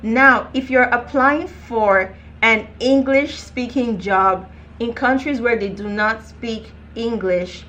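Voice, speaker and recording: A woman's voice: a little high, slow, a bit bright, lo-fi sound. Direct, emphatic woman career coach. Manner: direct and emphatic, addressing the viewer. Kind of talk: casual advice vlog.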